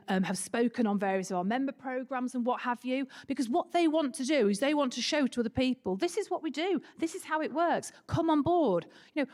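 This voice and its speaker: A woman's voice: on the high side, a little mellow. A woman speaking on a conference panel, emphatic and repeating phrases for effect. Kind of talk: panel talk. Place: conference hall.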